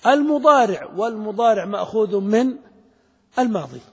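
A man's voice: high voice, lively intonation, a little fast, a little mellow, breathy edge. A man teaching Arabic grammar to a class, asking students questions and repeating their answers. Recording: muffled recording in a reverberant hall.

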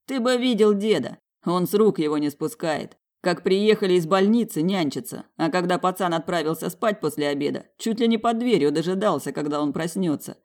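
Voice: mid-range voice, brisk, hardly any pauses, darkish tone, pitched above the performer's own voice, lightly acted. A reader voicing a smug, dismissive wealthy young husband in audiobook dialogue.

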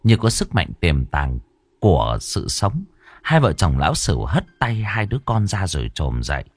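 A man's voice: low voice, huge pitch swings, dry recording. Man narrating a ghost story. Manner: dramatic, slow and ominous.

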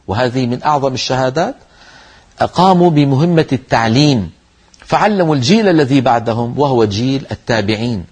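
A man's voice: medium pitch, a little mellow, breathy edge. A man teaching Quran recitation in a televised religious lesson, speaking earnestly and demonstrating how verses are read aloud.

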